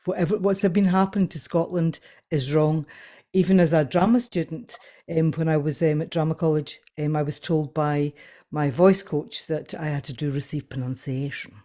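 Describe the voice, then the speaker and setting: A woman speaking personally as a panel guest, earnest and a little halting. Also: deep voice, steady tone, warm tone. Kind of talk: personal interview talk.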